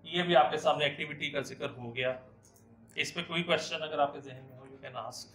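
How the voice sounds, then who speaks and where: A man's voice: on the high side, moderate pace, vocal fry, a bit bright, a little hiss or hum. A middle-aged man, lecturing a class as a professor, explaining with everyday examples, asking rhetorical questions and slipping in English terms. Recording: echoey room.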